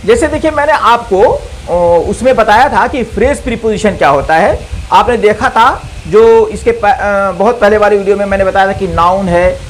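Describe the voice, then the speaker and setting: A man giving a recorded grammar lesson as a teacher, who speaks slowly, repeats key terms, and asks and answers his own questions. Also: high-pitched, slight background noise, rough recording. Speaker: English teacher.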